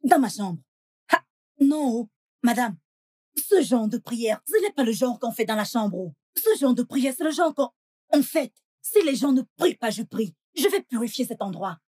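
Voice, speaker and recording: A woman voicing a pious, excitable housemaid. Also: on the high side, breathy edge, dry recording, studio quality, full character voice. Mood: earnest. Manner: loud pleading prayer, drawn-out chanting. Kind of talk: dubbed film acting.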